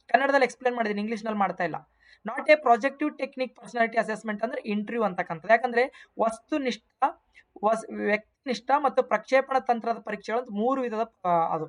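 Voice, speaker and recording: A woman's voice: a little high, a bit bright. A woman with a North Karnataka Kannada accent, an exam coaching teacher going over test answers, emphatic, repeating key points and mixing in English terms.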